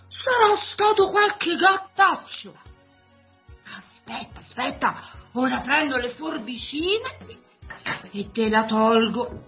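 Aunt Bettina, gushing fussy old aunt. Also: female voice, extremely high pitch, muffled recording, exaggerated voice. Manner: gushing, exclaiming, then scolding. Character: fussy doting elderly aunt, theatrical and quick-tempered.

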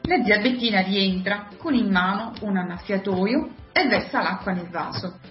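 A woman narrating the stage directions of a radio drama in an even, steady reading. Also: medium pitch, normal speed. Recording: roomy, slightly dull radio recording, faint music.

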